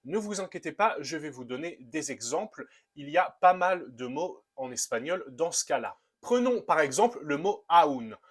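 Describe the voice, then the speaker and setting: A young man giving an upbeat language lesson, explaining clearly and reading his examples slowly. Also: on the high side, big pitch swings. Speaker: Spanish teacher.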